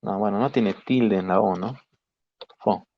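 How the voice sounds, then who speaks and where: A man's voice: on the low side, unhurried. A male chemistry teacher gives an online lecture, explaining step by step and often checking in with his students. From Bolivia. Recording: dry, dull lo-fi call audio.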